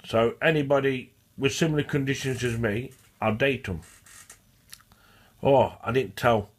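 Speaking unhurriedly at a medium pitch, a man with a stutter delivers a rambling monologue straight to camera. He's a vlogger, and his casual chatter is full of repeated and restarted phrases.

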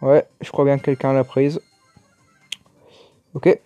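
A man gives casual, chatty commentary while he plays a game, exclaiming and muttering to himself between moves. His voice is dark and mellow, recorded dry and close, with faint music underneath. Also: mid-range voice, level tone, slow, dry recording, highs cut off. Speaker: gaming YouTuber.

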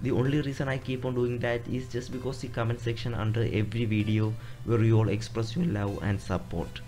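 A man in his twenties from Kerala, South India, whose first language is Malayalam, is a gaming YouTuber casually answering viewer questions while playing a mobile game indoors. His mid-range, mellow voice is brisk with a flat delivery.

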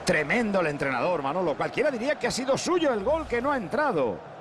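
A man with a Castilian Spanish accent adds football colour commentary in a high, very lively voice. Loud stadium noise runs behind him. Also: quick pace.

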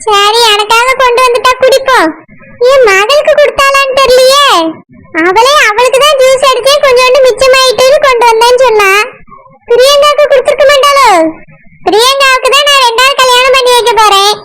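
A woman's voice: fairly quick, a bit bright. A woman voicing an insistent, scheming middle-aged village mother in a cartoon, with a Tirunelveli Tamil accent. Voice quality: very high, squeaky cartoon voice. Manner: coaxing, insistent. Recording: clear background noise.

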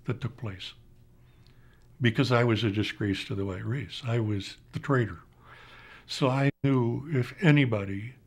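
A man's voice: mid-range voice, gravelly, breathy edge. A man in a documentary interview, speaking earnestly and reflectively. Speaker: interviewee, former activist.

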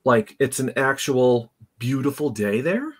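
A man's voice: medium pitch, animated, a little slow, slightly rough. A man hosting a live online show, chatting casually and greeting viewers by name. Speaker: podcast host. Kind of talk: casual live-stream chat.

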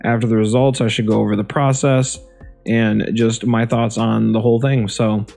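A young man with a somewhat low voice talks casually into a close desk mic in a small room at home. He is chatty and relaxed, circling back over his words and filling pauses with um, and faint music plays behind him. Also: vocal fry. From Ohio, USA. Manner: chatty, relaxed, repeats himself and says um often. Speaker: YouTube vlogger. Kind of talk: casual vlog talk. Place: small room at home in front of a green screen. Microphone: desk microphone near the face.

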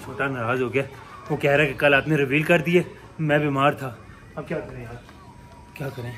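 A man's voice: mid-range voice, fairly even intonation, normal speed, fairly bright tone. A man vlogging about his pet birds and animals, chatting casually to viewers and coaxing the animals, repeating "yaar" constantly.

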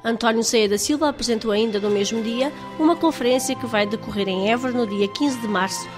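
A woman reporter reading a scripted news voice-over in an even, measured way. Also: on the high side. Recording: voice-over with music bed.

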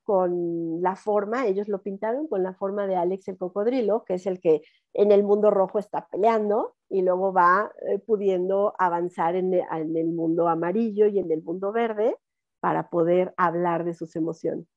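A woman psychologist with a Mexican accent, telling stories about young patients in lively conversation and acting out their lines. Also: mid-range voice, normal speed, dull audio. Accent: Mexican Spanish. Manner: animated storytelling, acting out children's lines. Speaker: child psychologist. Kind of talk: conversational talk.

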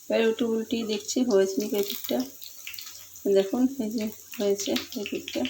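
Speaking briskly over a noisy background, a female home cooking host narrates a casual recipe demonstration. Her mid-range voice stays fairly even as she chats and begs viewers to give the dish a try.

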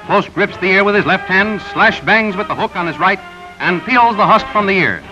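High-voiced man narrating an old newsreel. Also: animated. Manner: brisk announcer delivery of results. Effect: old 1930s newsreel soundtrack. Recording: dull lo-fi 1930s newsreel with music. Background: music bed.

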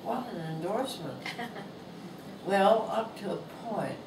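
This is a Canadian author in her nineties, reading her humorous essay to a bookstore audience, unhurried, gentle and amused. Her mid-range voice is thin and weak yet lively in intonation. Captured on a lapel mic with the camera across the room, the sound is echoey and far off, with background noise.

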